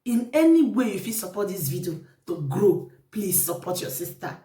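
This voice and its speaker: Her medium-pitched, mellow voice swings widely in pitch as this Nigerian Pidgin-accented vlogger gives her viewers casual, repetitive life advice at a moderate pace, pushing them to act. The room is echoey and the mic is distant.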